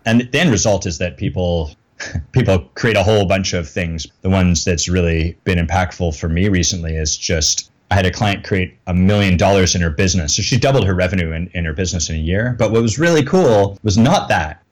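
A man's voice: deep voice, brisk. A middle-aged man, a coach, talking candidly and self-deprecatingly in an interview, often laughing at himself. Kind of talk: reflective interview talk.

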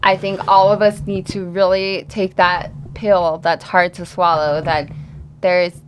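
A woman's voice: lowish voice, little pitch movement, unhurried, a little hiss or hum. A woman co-hosting a conversation in a casual, conversational style. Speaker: podcast co-host.

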